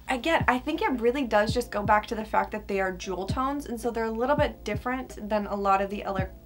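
A woman's voice: mid-range voice, vocal fry. A young adult woman chatting casually to camera as a beauty vlogger, emphatic and casually sweary, with a whistling s. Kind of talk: casual chat to camera, product ranking. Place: small furnished room indoors.

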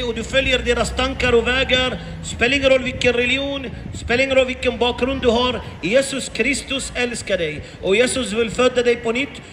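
A man's voice: very high-pitched, a bit bright, in a large hall, a little hiss or hum. A man preaching to passers-by outdoors on a city street, impassioned and full of repeated rhetorical questions. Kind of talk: open-air evangelistic preaching.

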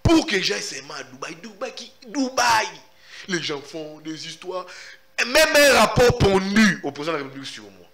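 A Congolese-accented man answers in an interview, speaking emphatically and repeating himself as he insists on his point. His voice sits a little high and swings widely in pitch. The tone is bright and forceful. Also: big pitch swings, normal speed. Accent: Congolese French. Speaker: journalist, interviewee. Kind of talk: animated interview answers, mixing in Lingala.

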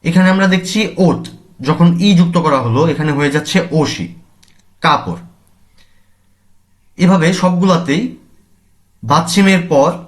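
A man teaching a language lesson, reading each word aloud and then explaining its meaning and use. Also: a little high. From Bangladesh.

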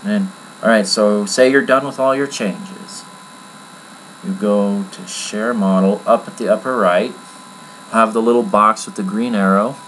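A man giving a casual, rambling screen-recorded software tutorial from his computer at home, with many fillers. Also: fairly low pitch, fairly even intonation, a little slow, a little hiss or hum, low-quality recording. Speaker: tutorial maker.

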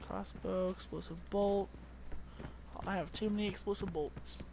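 A man's voice: high-pitched, fairly even intonation, unhurried, creaky, a little mellow, a little hiss or hum. A man chatting casually and joking while playing a game with a friend. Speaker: gamer. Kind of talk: casual gameplay chat.

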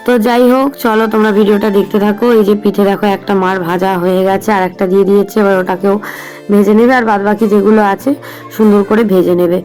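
A woman's voice: mid-range voice, steady tone, quick pace, darkish tone, soft background music. A woman in her thirties chatting to viewers in a casual family vlog, explaining what is going on at home. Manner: coaxing, sing-song talk to small children. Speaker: vlogger.

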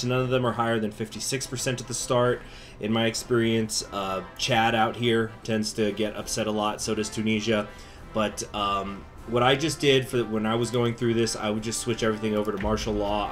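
A man speaking through a face mask, giving a chatty, informal strategy game tutorial as the host. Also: fairly low pitch. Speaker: gaming video host. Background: music.

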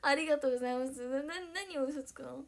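A young woman chatting on a livestream, excitable and giggly, thanking viewers by name as she reads their comments. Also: high voice, fast, creaky. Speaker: idol livestreamer. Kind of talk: casual livestream chat reading viewer comments.

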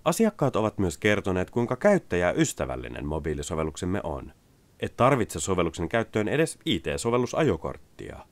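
A man narrating a scripted product voice-over in an even, explanatory way. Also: sits low, no echo.

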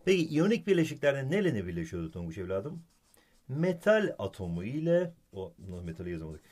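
This chemistry teacher has a mid-range voice and talks fairly quickly. His playful lesson is full of animated teasing, with constant praise and frequent repetition of the student's name.

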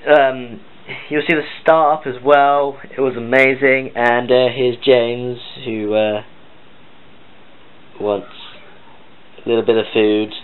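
A man's voice: mid-range voice, flat delivery, slow pace, long pauses, clean tone. A man who is ill, hosting a casual vlog with a muffled voice and lots of hesitant ums. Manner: hesitant, many ums and uhs. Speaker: channel host. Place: at home. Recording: tinny lo-fi phone-like recording with faint hiss.

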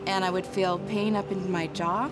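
A woman's voice: medium pitch, fairly even intonation, moderate pace, far from the mic, over music. A woman in her sixties, a former cardiac rehab patient, speaks sincerely and gratefully in an interview in an indoor rehab gym, on a lapel mic. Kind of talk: documentary interview.

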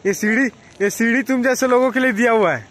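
A man's voice: very high voice, fast, heavy background noise. A young man bantering and teasing his friends outdoors at night on a trip. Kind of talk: casual joking banter. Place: beach and streets at night, outdoors.

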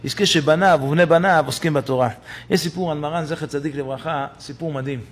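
Husky rabbi telling a story. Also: male voice, a little high. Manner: asks the listeners rhetorical questions, storytelling. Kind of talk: Torah lesson with storytelling. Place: synagogue.

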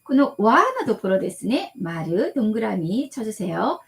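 A woman teacher leads an online language lesson, patiently drilling each model sentence several times. Her pitch rises and falls in a lively way as she explains. She pads her explanations with gentle fillers. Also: creaky. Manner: slow, patient drilling with repeated model phrases; adds frequent softening fillers. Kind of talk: online lecture.

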